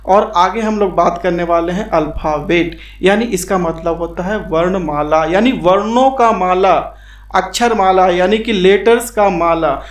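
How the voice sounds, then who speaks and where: A man teaching English grammar in a slow, repetitive lesson, posing questions and then answering them himself. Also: sits high. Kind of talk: explanatory classroom lesson. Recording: echoey room.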